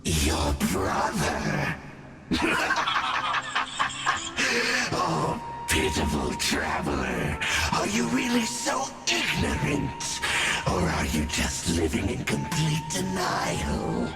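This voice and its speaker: An actor playing a menacing, gloating monstrous herald of the abyss in a video game, pompous and taunting with a gravelly voice. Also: male voice, wildly swooping pitch, heavily acted. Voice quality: gravelly, very deep. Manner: pompous, taunting, slow theatrical delivery. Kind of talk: video game villain acting. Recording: echoing, with loud music over it.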